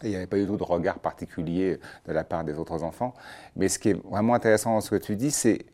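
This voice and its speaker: A man's voice: low-pitched, quick pace, mellow. A man hosting an interview, asking long, rambling questions that he rephrases as he goes. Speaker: interview host. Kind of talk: conversational interview.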